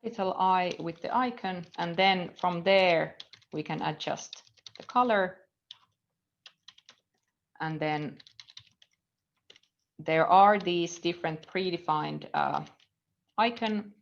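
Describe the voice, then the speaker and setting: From her computer in an indoor room, a Finnish-accented university lecturer gives a live coding screencast lesson in a lowish voice with gravelly fry. She reasons out loud, hesitating with fillers and trailing off as she reads code. The sound is dull and lo-fi, much like a webcam mic.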